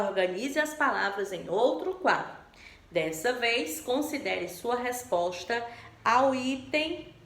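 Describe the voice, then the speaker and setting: A woman teacher from Brazil explaining a textbook lesson to children slowly and patiently, often asking them questions. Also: medium pitch, a bit bright, echoey room. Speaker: primary school teacher. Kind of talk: remote class lesson explanation.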